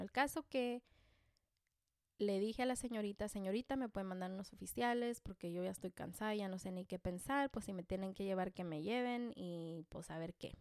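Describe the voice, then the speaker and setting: Animated Mexican woman telling a story. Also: a little high, creaky, no room sound, studio quality. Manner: animated, joking, self-deprecating, slangy. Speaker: mother telling a personal story. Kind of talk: casual storytelling to camera.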